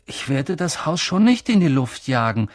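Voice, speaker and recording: A man's voice: a little high, sing-song, moderate pace, no room sound. A put-upon boy from a storybook, speaking up hopefully, as a man reads him. The voice is plain and close to the mic in a dry recording.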